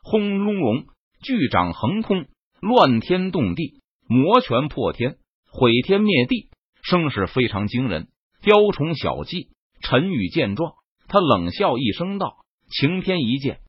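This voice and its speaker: A man narrates a fantasy novel in a dramatic, animated reading, his pitch leaping up on the battle passages. His voice is slightly husky. The recording is dull and lo-fi, with a dry, close sound. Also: unhurried, no echo. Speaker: audiobook narrator. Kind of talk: scripted web-novel narration.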